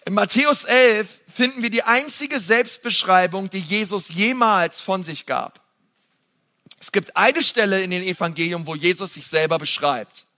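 Bright, high-voiced German preacher. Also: male voice, moderate pace. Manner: passionate, emphatic, swings from loud to soft; casual, direct address to the audience. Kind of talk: sermon.

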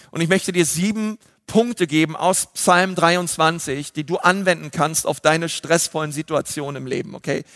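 A man's voice: sits high, pushed and bright, no echo, studio quality, in a large hall. A man preaching a sermon, emphatic and rising to a raised voice, with frequent calls of "hey" and invitations for the congregation to repeat lines. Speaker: pastor.

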